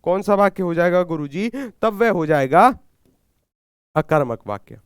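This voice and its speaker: A man with a Haryanvi accent leads a live exam-prep class in a fairly high, clean voice. He fires questions at his students and answers them himself, repeating each key term. His throat is a little sore, and the sound is dry and close. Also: lively intonation, a little slow, clean tone, dry recording. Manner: repeats key words, calls himself guruji. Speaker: Hindi exam teacher.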